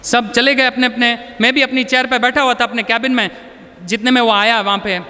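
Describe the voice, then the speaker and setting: Motivational speaker, male, very high and bright-toned, chatty storyteller. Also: fairly even intonation, a little fast, big-room sound. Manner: conversational, anecdotal, mixes in English words. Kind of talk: storytelling talk to an audience.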